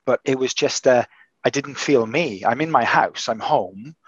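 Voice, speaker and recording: A man's voice: medium pitch, breathy edge, dry recording. Hesitant man, dull dry sound. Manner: hesitant, halting with many restarts. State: recovering from illness, voice changed. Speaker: podcast host. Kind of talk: casual chat.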